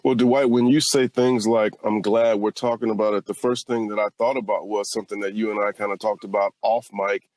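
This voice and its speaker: A man's voice: fairly low pitch, steady tone, a little fast, a little mellow, no room sound. A man from California hosting a podcast, talking in an earnest, reflective and personal way. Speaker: podcast host. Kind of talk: casual podcast conversation.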